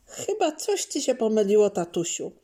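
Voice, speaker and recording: A woman voicing an eager, chatty little girl in a children's storybook, with a high, excited childlike voice. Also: moderate pace.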